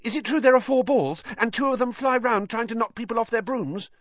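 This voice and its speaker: A man voicing an excitable young boy who gushes in breathless, rapid questions. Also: very high-pitched, no echo, dull audio, voice pushed up. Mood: eager.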